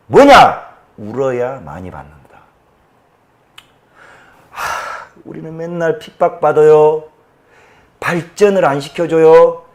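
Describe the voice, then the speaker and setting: A man with a Jeolla Korean accent hosting a political commentary show, ranting in a fiery, profane way that swings from shouting to low muttering. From Jeolla, South Korea. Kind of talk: political rant to an audience.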